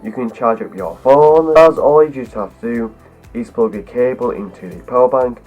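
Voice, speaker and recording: Faint music plays behind a man who hosts a video and talks through a long, scripted explanation, chaining clauses together. A cold has made his mid-range voice deeper than normal. He keeps a moderate pace, and the sound is narrow and tinny.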